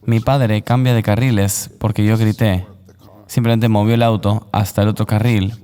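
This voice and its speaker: A man recounting a personal testimony as an interview guest, in an earnest, measured voice-over. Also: lowish voice, level tone, mellow, smooth, in a large hall.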